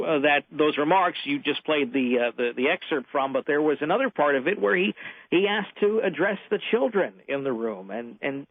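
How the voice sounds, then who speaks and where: A man reporting on a radio show by phone, reflective and halting, with many restarts. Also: on the high side, vocal fry, dry recording. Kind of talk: radio call-in commentary. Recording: tinny phone line.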